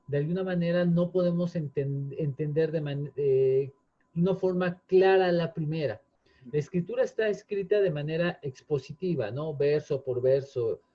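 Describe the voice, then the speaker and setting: A man's voice: a little high, warm tone. A man, earnestly explaining in casual chat, often restarting with fillers. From Mexico. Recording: dull lo-fi sound.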